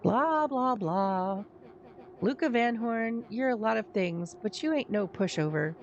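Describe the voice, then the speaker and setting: A brash, mischievous young boy from a video game, acted out by a woman. He talks tough and slangy with a cocky, rough edge. The voice sits on the high side, with some noise in the background. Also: lively intonation, a little slow, darkish tone, highs cut off. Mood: cocky, goading.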